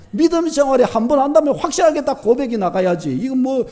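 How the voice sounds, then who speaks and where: Male pastor, high lively voice, dramatic sermon delivery swinging from quiet to loud. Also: a little fast. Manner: animated, shifts from soft to loud, acts out short dialogues. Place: church sanctuary.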